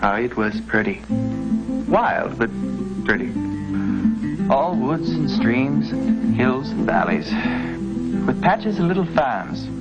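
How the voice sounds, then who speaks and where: Man playing a wistful, animated old-time settler. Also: medium pitch, slow, long pauses, muffled recording, over loud music. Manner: homespun, exclaiming, nostalgic storytelling. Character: folksy, wistful American farmer-settler from two centuries ago. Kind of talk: scripted educational drama acting.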